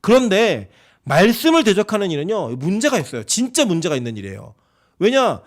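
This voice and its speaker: A man's voice: high voice, big pitch swings, brisk. A man preaching a sermon as pastor, emphatic and conversational, often asking the congregation rhetorical questions.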